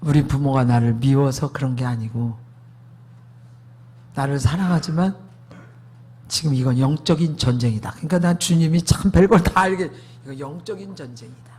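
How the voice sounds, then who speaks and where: Husky-voiced man preaching with emphasis. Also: medium pitch, moderate pace, a little mellow. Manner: emphatic, asks the congregation rhetorical questions. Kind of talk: sermon testimony.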